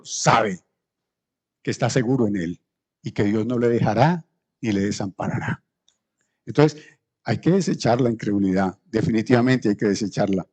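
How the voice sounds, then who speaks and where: A male pastor preaching a sermon, acting out the voices of the people he quotes with big swings in pitch. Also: a little mellow, slightly rough. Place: church.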